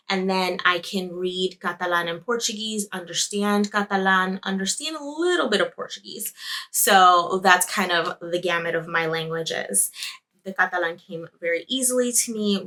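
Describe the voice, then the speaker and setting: A woman whose first language is Spanish hosts a podcast, recapping a trip in a casual, rambling way while often laughing and correcting herself. Her voice is lowish and bright, with a forceful tone.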